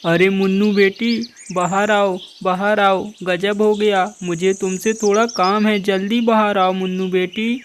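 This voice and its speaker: A man's voice: high voice, level tone, unhurried, hardly any pauses, a little hiss or hum. Man voicing a sly scheming cartoon crow. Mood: urgent calling.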